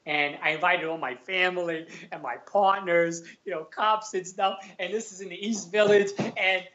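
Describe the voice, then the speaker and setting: A man's voice: high-pitched, steady tone, moderate pace, pushed and bright, slight background noise. A middle-aged man with a Brooklyn accent, telling colloquial anecdotes casually and acting out bits of quoted dialogue. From Brooklyn, New York. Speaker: podcast guest, actor and former police officer. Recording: roomy, slightly dull remote audio.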